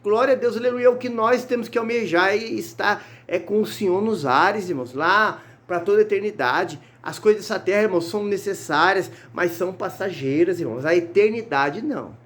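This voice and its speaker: Fervent high-voiced male preacher. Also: a little fast, hardly any pauses, a bit bright. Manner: fervent, calls out hallelujah and brothers often; repeats words and restarts while reading. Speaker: evangelist preaching on a Bible chapter. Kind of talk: sermon with Bible reading. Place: church sanctuary.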